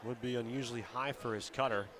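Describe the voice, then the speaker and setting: Calling play-by-play for radio, a man with a steady, mid-range voice speaks fast in short, clipped phrases that lift with each play. Behind him is the crowd and outdoor ambience of a ballpark.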